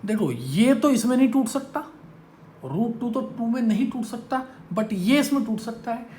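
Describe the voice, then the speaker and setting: A man's voice: very high voice, animated, moderate pace, warm tone, slight background noise. A male maths teacher lecturing a class, teasing and quizzing his students as he goes.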